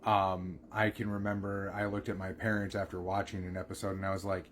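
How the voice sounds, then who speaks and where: A man chatting casually on a live stream, rambling with many pauses and fillers. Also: low-pitched, level tone, a little hiss or hum.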